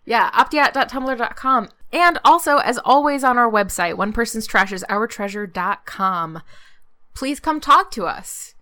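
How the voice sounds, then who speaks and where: A woman's voice: fairly high pitch, expressive, unhurried, bright, forceful tone. A woman co-hosting a podcast, talking in a casual, conversational way. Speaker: podcast co-host.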